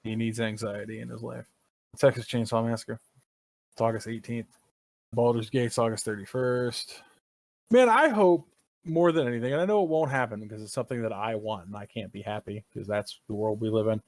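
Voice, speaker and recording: A man co-hosting a gaming podcast, talking casually, opinionated and animated, and he swears often. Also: mid-range voice, fairly quick, no echo. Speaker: podcast co-host. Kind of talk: casual chat.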